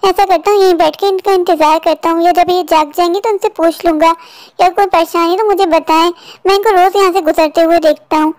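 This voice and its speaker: A woman voicing a kind, lonely young boy in a cartoon story, speaking softly and patiently. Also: extremely high pitch, steady tone, a little fast, no room sound, clean studio sound, pitched below the performer's own voice. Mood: gentle. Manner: soft, gentle and patient.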